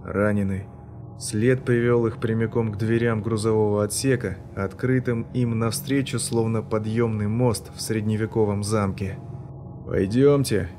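A man narrating a science fiction audiobook in a steady, even reading voice. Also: on the low side, normal speed, few pauses, background noise. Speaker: audiobook reader. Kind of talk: scripted narration.

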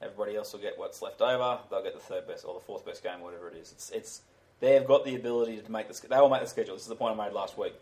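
A man's voice: on the low side, rapid-fire, a little mellow, low-quality recording. A man co-hosting a sports podcast, arguing his point emphatically in casual chat. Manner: emphatic, argumentative.

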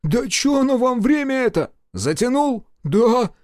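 A man's voice: very high voice, sing-song, slow pace, darkish tone, no room sound, studio quality, pitched above the performer's own voice, heavily acted. A man voicing a clumsy, cheeky young male mechanic who whines and squeals back. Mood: whiny. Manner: whiny, squealing retorts.

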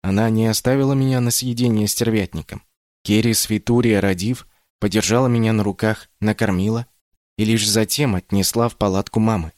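A man narrating an audiobook in the first person, in a measured, reflective way. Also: fairly low pitch, steady tone, darkish tone, dry recording, clean studio sound.

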